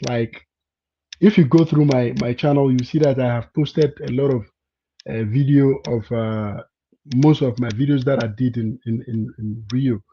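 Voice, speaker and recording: There's slight background noise behind this Ghanaian man's medium-pitched, dark-toned voice. As a vlogger hosting a casual live chat, he often repeats words and checks in with "you understand?"; the sound is dull and lo-fi.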